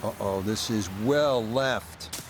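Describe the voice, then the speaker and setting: A man giving measured, polished golf commentary as the lead announcer of a televised tournament in a video game. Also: lowish voice, background noise. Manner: measured, polished broadcast delivery.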